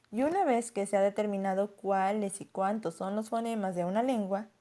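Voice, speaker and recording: A woman narrating a scripted lesson as a teacher, explaining clearly and slowing down to stress example words. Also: medium pitch, mellow.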